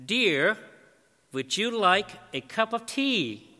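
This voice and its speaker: A loud older husband keeps calling out the same question to his wife, as a preacher acts him out. The voice is raised and bright and rings with a long hall reverb. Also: high voice, big pitch swings, takes it slowly, pitched above the performer's own voice, heavily acted. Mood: insistent.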